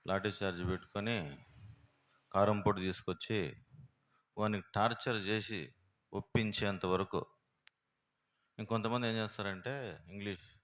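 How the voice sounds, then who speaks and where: A man's voice: low voice, fairly bright tone. A man preaching a sermon, telling stories and acting out bits of dialogue.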